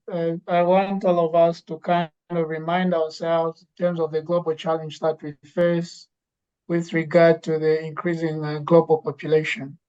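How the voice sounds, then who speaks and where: A woman gives a conference presentation as a university lecturer and plant breeder, pausing often on fillers and restarting her sentences. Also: sits low, a little mellow. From Zambia. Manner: hesitant, many fillers and restarts. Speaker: university lecturer and legume breeder giving a talk. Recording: dull lo-fi recording.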